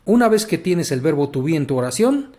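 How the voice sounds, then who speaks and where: Mexican male teacher, slightly high voice, patient and repetitive grammar explainer. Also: big pitch swings, fairly quick, dark tone. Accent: Mexican Spanish. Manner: patient, repetitive, addresses the listener directly. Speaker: English teacher.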